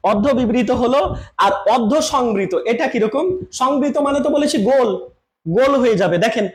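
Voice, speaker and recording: A man teaching an online grammar lesson, who repeats sounds slowly and keeps asking the viewer questions. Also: very high-pitched. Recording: echoey room.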